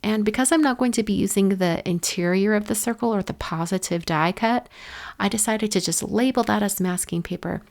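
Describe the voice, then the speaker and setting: A woman's voice: medium pitch, a little fast, creaky, darkish tone. A woman hosting a craft tutorial in a casual instructional voice-over, explaining things step by step. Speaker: host of a card-making tutorial.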